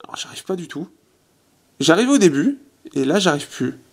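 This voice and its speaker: A slightly high, creaky voice, very animated and at a moderate pace, belongs to a tech reviewer doing a casual phone review. Chatty and heavy on fillers, he trails off as he tests features in his resonant apartment.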